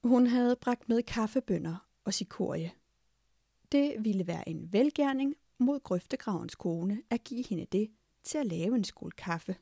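Hushed, creaky woman narrating a fairy tale. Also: mid-range voice, no room sound, studio quality. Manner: slow, hushed, drops into unvoiced whispers. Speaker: audiobook narrator.

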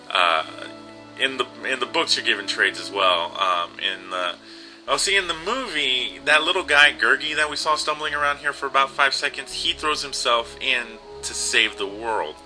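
A man's voice: mid-range voice, expressive, moderate pace, bright, forceful tone, faint music behind, poor audio. A young man casually commenting on an old adventure game and reading its text aloud. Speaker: let's play host.

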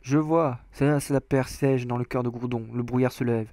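A man voicing a young male creature hero in a video game, reading its lines earnestly and a little haltingly. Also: mid-range voice, steady tone, darkish tone, slight background noise, natural voice. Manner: earnest, hesitant reading with slips. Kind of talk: dramatic reading of game dialogue.

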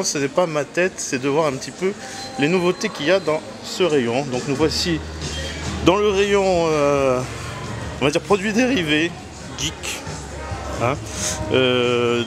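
A man's voice: a little high, a little slow. A man vlogging casually through a face mask, hesitant and often repeating his phrases. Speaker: vlog host. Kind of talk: casual on-camera vlog commentary. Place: large busy store, indoors. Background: loud music.

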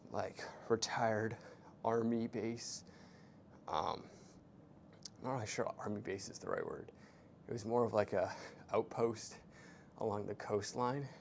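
Working out in a hotel gym, this young fitness vlogger narrates his casual vlog between sets, relaxed and rambling with plenty of fillers. His fairly low voice has a gravelly edge. A small clip-on mic, with the camera some distance away, catches a faint rumble humming beneath him.

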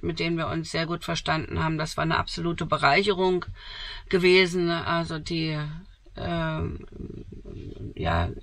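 A woman's voice: deep voice, gravelly, a bit bright, no room sound. A woman in her sixties chatting to camera from inside a camper van, enthusiastic, with lots of fillers. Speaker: camping vlogger. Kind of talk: casual vlog talk to camera. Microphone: fixed camera in front, seated.

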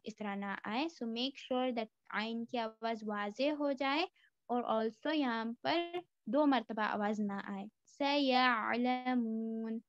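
A woman teaching Quran recitation in a tajweed lesson, patiently explaining and slowly drawing out each word. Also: a little high, dry recording, highs cut off. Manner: slow, drawn-out demonstration of words. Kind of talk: tajweed lesson mixing Hindi and English.

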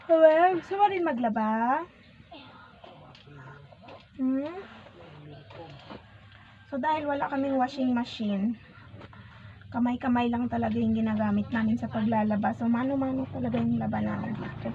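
A woman's voice: fairly high pitch, normal speed, pauses often, warm tone, a little hiss or hum. A tired mother with a cough, talking casually in a home vlog while washing laundry by hand outdoors, rambling with fillers and restarts. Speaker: mother and vlogger. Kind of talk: casual vlog chat, mixing in English with her child. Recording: dull lo-fi sound with roosters and chickens behind.

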